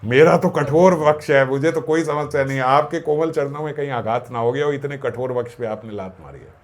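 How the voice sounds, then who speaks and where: A man giving a devotional discourse, explaining scripture verses, asking his own questions and answering them, and slowing down to chant Sanskrit lines. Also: medium pitch. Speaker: spiritual discourse speaker.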